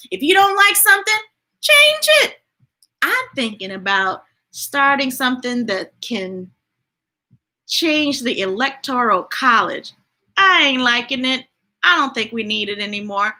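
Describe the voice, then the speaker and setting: Her voice is high-pitched, pushed and bright as she hosts a children's storytime, reading picture books aloud and chatting with viewers in a warm, folksy, enthusiastic way.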